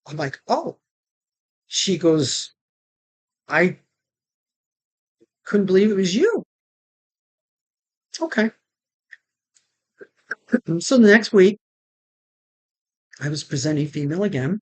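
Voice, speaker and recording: Slow, halting woman telling her story. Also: fairly low pitch, very animated, darkish tone, no echo. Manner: halting, with pauses and restarts; retells conversations with "she goes" and "I'm like". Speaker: vlogger. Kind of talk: personal storytelling to camera.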